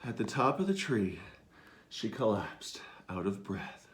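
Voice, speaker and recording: A man reading his picture book aloud to children, animated and inviting them to join in. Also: lowish voice, measured pace, a little hiss or hum. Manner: animated, asks listeners to join in. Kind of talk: interactive read-aloud for children.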